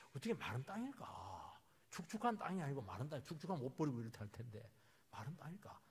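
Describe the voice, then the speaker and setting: A man's voice: on the high side, a bit bright, husky. A male pastor preaching a sermon, telling the story vividly and breaking into sudden emphatic outbursts. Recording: reverberant church hall.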